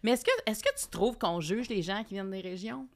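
A woman hosts a casual interview in Quebec French. She speaks at a mid pitch and keeps encouraging her guest. She also asks follow-up questions. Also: fairly quick. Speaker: podcast host.

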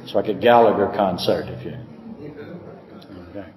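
A man's voice: low voice, normal speed, a little mellow. An older male pastor with a lisp, giving a casual, joking Bible lecture and reading letters aloud. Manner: joking, self-deprecating, reads letters aloud. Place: church hall. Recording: echoey hall with long reverb.

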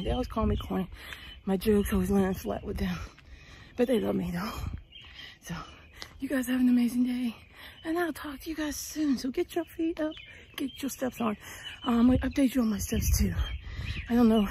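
A woman's voice: a little high, background noise. A middle-aged woman vlogging while walking outdoors before dawn, tired and chatty, trailing off with ums, recorded on earbuds with a phone held out. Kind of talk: casual chat while walking. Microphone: wireless earbuds, phone at arm's length.

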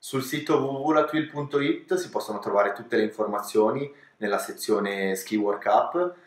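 A young man, president of a ski resort and race director, calmly answering interview questions in an office, measured and informative with brief hesitations. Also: fairly low pitch. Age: young adult. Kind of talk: calm seated interview answers. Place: office with pennants and souvenirs on the wall, indoors. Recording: roomy office echo.

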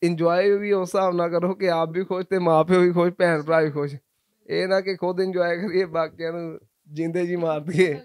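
A man's voice: sits high, flat delivery, a little fast, clean tone, no echo, studio quality. A Punjabi-accented man, a singer, giving earnest advice in an interview, with sung passages between his answers.

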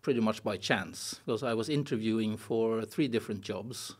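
A middle-aged man from Norway, a podcast guest speaking casually with dry humor and frequent hesitations, recorded on a desk boom mic in a studio. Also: moderate pace. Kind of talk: casual interview chat. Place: studio set with blue walls and a wooden table. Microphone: desk podcast mic on boom arm.

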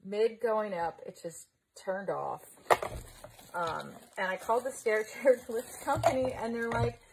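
A woman vlogging live at home, chatting casually and thinking out loud as she unboxes a gadget. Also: medium pitch, lively intonation, measured pace, vocal fry, very noisy. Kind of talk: casual live-stream chat.

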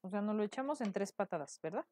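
A woman's voice: mid-range voice, animated, quick pace, mellow, a little hiss or hum. A woman with a Mexican accent, a decorative painting teacher, chatting through a live painting tutorial and checking in with her viewers often. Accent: Mexican Spanish.

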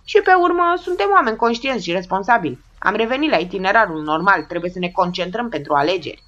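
A woman's voice: mid-range voice, animated, fairly bright tone, pitched above the performer's own voice, lightly acted. A woman voicing an amused, ironic man who teases his friends sweetly and sarcastically, on a dull lo-fi recording. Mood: teasing. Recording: dull lo-fi sound.

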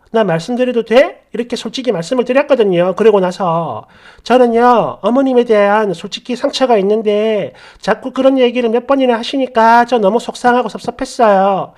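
A man narrating a first-person story aloud for a story channel, with a voice pitched strikingly high for a man. He reads as if working through the text on the fly, keeping a steady storytelling flow. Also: fairly quick. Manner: first-person narration, reading live while sorting the text. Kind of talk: reading a submitted story aloud.

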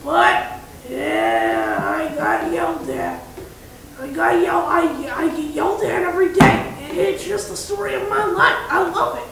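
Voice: very high voice, very animated, a little slow, vocal fry, heavily acted. A performer voicing a cheeky, rebellious young lion who mocks his teacher and talks back. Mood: chatty. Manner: defiant, mocking, chatty. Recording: very echoey room, mic far off, faint hiss.

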